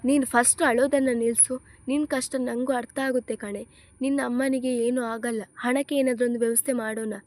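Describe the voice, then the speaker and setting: A woman's voice: fairly high pitch, steady tone, moderate pace, darkish tone, natural voice. A woman voicing a caring young female friend who comforts and reassures. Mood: comforting.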